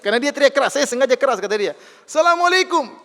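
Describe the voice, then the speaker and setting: Indonesian preacher in a reverberant hall. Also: male voice, very high voice, very fast, vocal fry. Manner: lively storytelling with sudden loud outbursts. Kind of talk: sermon.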